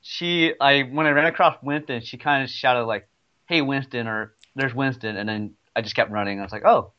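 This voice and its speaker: A man's voice: mid-range voice, fairly even intonation, brisk, dull audio. A man chatting casually about a video game, rambling with many restarts. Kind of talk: casual gaming chat.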